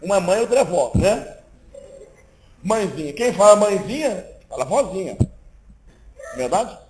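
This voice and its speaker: A man delivers a sermon in a lively, conversational way, acting out little exchanges between people. His voice sits unusually high for a man. A faint hiss runs underneath. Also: normal speed, low-quality recording. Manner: lively, conversational preaching that acts out little dialogues. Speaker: preacher. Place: church meeting, indoors.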